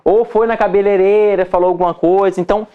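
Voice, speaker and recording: A man's voice: high voice, steady tone, fast, clear, resonant tone, narrow, tinny audio. Chatty Brazilian man giving a lesson. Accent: Brazilian Portuguese. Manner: chatty, checks in with frequent "tá?" and "entendeu?"; acts out examples with shifting voice. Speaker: dermatologist teaching other doctors. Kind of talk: informal lecture.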